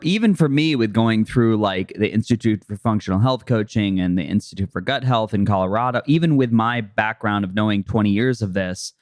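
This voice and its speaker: A man hosting a podcast, talking in a relaxed, chatty way with lots of fillers. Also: on the low side, brisk, few pauses, no room sound, clean studio sound. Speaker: podcast host. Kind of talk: casual interview chat.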